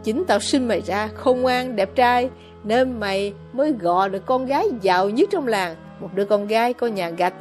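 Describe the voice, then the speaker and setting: A woman's voice: on the high side, normal speed, faint music behind, lightly acted. A woman voicing a scolding, greedy old village mother. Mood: gloating. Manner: loud, scolding, harsh.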